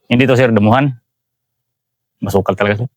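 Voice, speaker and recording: Man, Filipino soldier, recounting combat, deferential "sir" after phrases, middle pitch, dry close sound. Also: steady tone, a little fast, dry recording. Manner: respectful, says "sir" after nearly every phrase. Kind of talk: interview storytelling.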